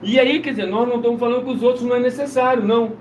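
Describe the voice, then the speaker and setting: A man's voice: extremely high pitch, fairly even intonation, very fast, muffled recording. A man preaching in a loose, insistent live-stream chat, repeating himself as he goes. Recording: roomy, distant mic, faint noise.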